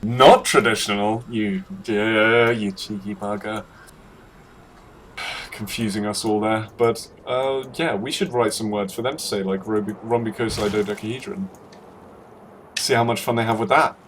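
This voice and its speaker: A man's voice: on the low side, steady tone, moderate pace, a little hiss or hum. A man casting a video game match, joking and laughing as he banters with his co-caster. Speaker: esports caster. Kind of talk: casual game commentary.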